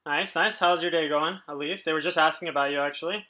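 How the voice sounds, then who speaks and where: A man's voice: a little high, fairly even intonation, fast talker, pushed and bright. A man coaching a home workout on a casual livestream, chatting informally with viewers and giving instructions. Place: indoors at home.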